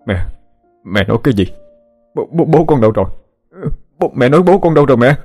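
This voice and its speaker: A man's voice: on the low side, moderate pace, a little mellow, faint music behind, lightly acted. A man voicing a grown son who returns home after decades, speaking in a choked, sobbing, pleading way. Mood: alarmed. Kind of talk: audiobook character voice.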